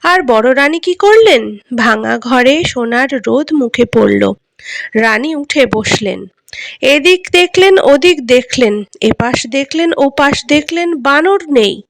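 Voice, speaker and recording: A woman reading a classic fairy tale aloud with measured, expressive recitation. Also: sits high, creaky, no echo. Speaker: reader.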